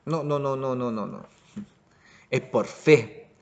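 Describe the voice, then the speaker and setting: A man teaching a Bible lesson as pastor, often pausing to check the congregation understands. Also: mid-range voice. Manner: restarts and asks "¿ya?" to check understanding. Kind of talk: Bible study sermon.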